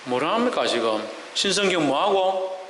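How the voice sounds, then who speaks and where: A male pastor preaching emphatically, firing rhetorical questions and swinging between loud and soft. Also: on the high side, big pitch swings, moderate pace, roomy sound, in a large hall, slight background noise, rough recording. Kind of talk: sermon. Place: church sanctuary.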